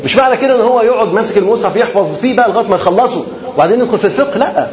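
A man with an Egyptian accent delivers a sermon at a quick clip in a fairly high voice. He repeats short phrases for emphasis and slides between everyday and formal speech. The recording is echoey and a little muffled. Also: expressive, darkish tone. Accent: Egyptian Arabic. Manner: colloquial, repetitive and emphatic, mixing in formal Arabic. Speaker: preacher. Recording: muffled, roomy lecture recording.

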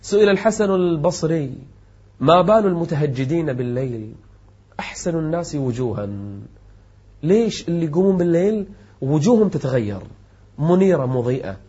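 Male preacher, emphatic sermon with chanted verses; husky tone, muffled lo-fi recording. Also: animated. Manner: chants verses in a slow melodic recitation; emphatic, swings from soft low tones to raised exclamations. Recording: dull lo-fi recording.

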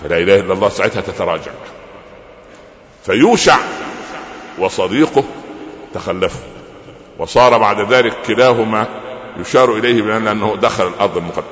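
A man's voice: lowish voice, a bit bright. A man with an Egyptian Arabic accent giving a sermon, telling stories with rhetorical questions and humorous asides. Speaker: preacher. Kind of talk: sermon lecture. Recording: echoey hall, lo-fi with faint noise.

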